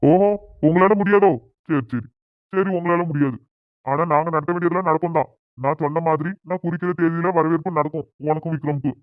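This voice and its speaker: A stern elderly grandfather from a cartoon family drama, commanding and lecturing, voiced by a woman. He talks briskly. The recording is muffled and lo-fi, with no room echo. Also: low voice, natural voice. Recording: dull lo-fi, dry.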